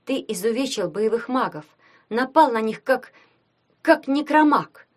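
A woman's voice: fairly high pitch, expressive, slow, voice pushed up. A woman voicing a fiery young sorceress. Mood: heated.

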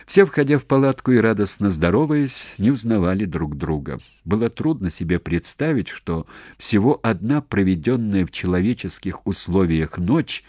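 A male narrator reads a novel in a measured, even way. His voice is very low, and the recording is dry and close, with no room sound. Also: husky, dry recording. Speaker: audiobook narrator. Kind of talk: scripted narration.

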